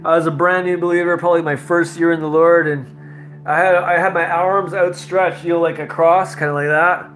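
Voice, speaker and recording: A man preaching in a live-stream sermon, telling his testimony with frequent laughter and emotional, animated delivery. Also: a little high, moderate pace, faint music behind.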